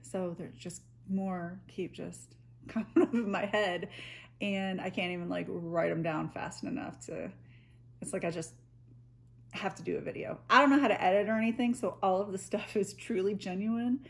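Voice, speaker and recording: A woman's voice: medium pitch, steady tone, moderate pace, gravelly. A woman from the United States tells a casual, unedited personal story in a giggly, rambling way, laughing through her sentences and swearing freely. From United States, near the Canadian border. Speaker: storytelling vlogger.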